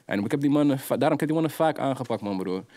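A young adult man tells stories in lively, slang-heavy talk. His voice sits at an ordinary middle pitch. The sound is dry and close. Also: rapid-fire, dry recording. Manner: animated, slang-heavy street storytelling. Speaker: guest rapper. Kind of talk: casual interview storytelling.

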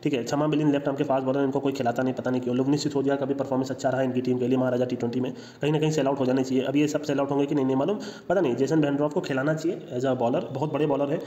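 Fast, opinionated man in an echoey room. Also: mid-range voice, dark tone. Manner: opinionated, confident predictions; mixes in English phrases. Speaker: cricket analyst. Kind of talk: casual commentary over slides. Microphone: voice-over, no speaker seen. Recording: echoey, dull lo-fi room sound.

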